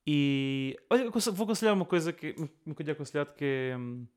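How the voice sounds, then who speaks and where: A man's voice: on the high side, animated, quick pace, a little mellow. A young man with a European Portuguese accent, chatting casually as a podcast co-host, slangy and often repeating his phrases. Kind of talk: casual chat between friends.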